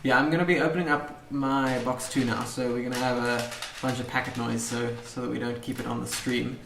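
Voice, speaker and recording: A man's voice: mid-range voice, steady tone, brisk, vocal fry. A man hosting a casual live stream who rambles with lots of fillers. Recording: echoey room, faint noise.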